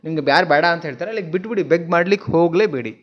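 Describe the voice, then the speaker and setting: A man's voice: fairly high pitch, racing, dull audio. A man working as a relationship counselor gives earnest advice to viewers, repeating his points and slipping English words into his speech. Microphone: mic in front of him while seated.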